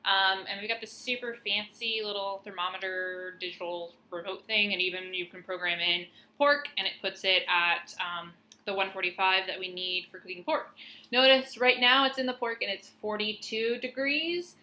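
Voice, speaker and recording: A woman's voice: medium pitch, steady tone, moderate pace, bright, forceful tone. A young woman, a nutrition student, chatting informally with lots of fillers as she cooks dinner at home and films it. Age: young adult. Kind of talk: casual cooking vlog with teaching. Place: home kitchen. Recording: echoey kitchen.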